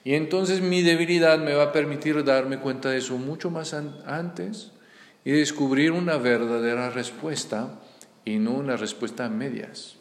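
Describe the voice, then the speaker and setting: A man's voice: mid-range voice, steady tone, moderate pace. A man preaching a sermon in a conversational way, often asking his listeners if they follow. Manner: conversational, with frequent tag questions. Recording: echoey hall with long reverb.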